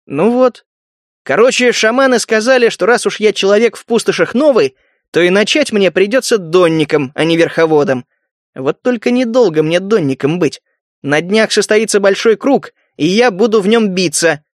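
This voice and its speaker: Male reader doing a brash young brawler, boastful, fairly high, dry audiobook voice. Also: animated, moderate pace, no echo. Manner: boastful, mocking storyteller. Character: Sever, a tough young male wasteland fighter, cocky and blunt.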